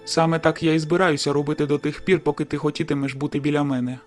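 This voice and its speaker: A woman doing a lower voice for a teasing teenage boy. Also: little pitch movement, fast talker, a little mellow, soft background music, close to an everyday voice. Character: teasing, persistent teenage boy, warm and cheerful.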